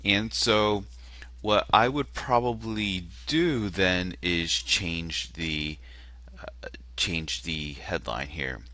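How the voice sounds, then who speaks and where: A marketer critiques a landing page in a casual screen-share, walking through the web page while sounding self-deprecating and hesitant, with lots of fillers. His low voice is nasal, bright and forceful, and he speaks extremely slowly. The recording has no echo.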